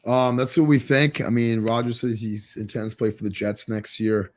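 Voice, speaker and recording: A man co-hosts a sports podcast, keeping the talk casual and loose, full of fillers and jokes. His voice is medium-pitched with little pitch movement, at a normal speed.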